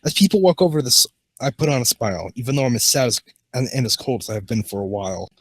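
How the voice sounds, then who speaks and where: A man's voice: medium pitch, animated, fast, husky, no room sound. A man hosting a comedy show, reading fan fiction aloud and often tripping over words and restarting.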